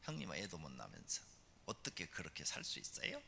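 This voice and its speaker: A preacher mimicking a spiteful taunting wife. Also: male voice, sits low, huge pitch swings, quick pace, creaky, sharp tone, slight background noise, pitched below the performer's own voice, exaggerated voice. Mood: mocking. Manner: mocking, needling. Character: spiteful young second wife taunting a rival. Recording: long reverb of a church hall.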